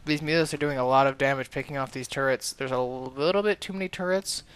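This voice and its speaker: A man commentating a strategy game match, calm in analysis and excitable when fights break out. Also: medium pitch, quick pace, clear, resonant tone. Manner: excitable, shouts during fights. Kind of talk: esports casting.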